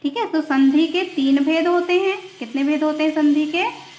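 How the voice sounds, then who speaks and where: A woman's voice: sits high, normal speed, darkish tone, reverberant, slight background noise, low-quality recording. A woman teacher giving an online grammar lesson. She repeats words patiently and checks in with her students, mixing English words into Hindi. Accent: mixes English words into Hindi. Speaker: school teacher.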